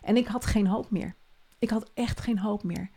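A woman speaks straight to the listener on a devotional podcast. She is earnest and encouraging, and her voice sits at a middle pitch. She often sinks to a soft hush. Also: fairly even intonation, normal speed, husky.

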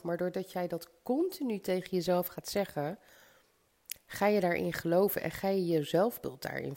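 A woman's voice: on the low side, gravelly, mellow. A woman with a slight cold and stuffy nose, giving an encouraging motivational podcast monologue straight to the listener. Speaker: podcast host. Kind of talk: motivational self-help podcast monologue, addressing the listener directly.

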